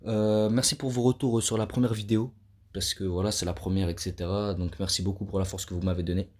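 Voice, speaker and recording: On his channel, an anime YouTuber with a low, dark, fairly flat voice talks quickly and casually in a review vlog, with clear background music under his voice. His delivery is slangy and laid-back, full of joking, self-mocking asides.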